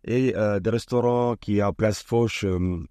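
A man's voice: on the low side, steady tone, unhurried, warm tone, clear, resonant tone, no echo, studio quality. Hesitant male event organizer. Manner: hesitant, many fillers and restarts. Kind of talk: casual radio interview.

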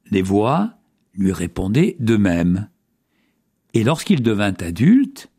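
A man narrating a folk tale on a radio segment, in a measured storytelling manner ending with a moral. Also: on the low side, warm tone, breathy edge. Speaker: storyteller and columnist.

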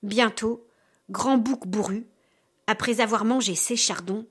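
A woman's voice: fairly high pitch, unhurried, very noisy. A woman reading a fairy tale aloud expressively, with playful sound effects. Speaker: storyteller.

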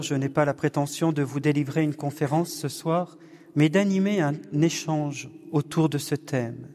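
A man leading a discussion evening for his parish, speaking in a slow, measured way with touches of gentle humour. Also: fairly high pitch. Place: church or parish hall with long reverb. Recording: long hall reverb, distant room mic.

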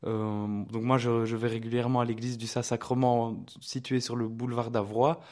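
A young man from Liège, a theology student guest in a radio interview, speaking in a measured way with some hesitations. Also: medium pitch, flat delivery, a little mellow. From Liège, Belgium. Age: young adult.

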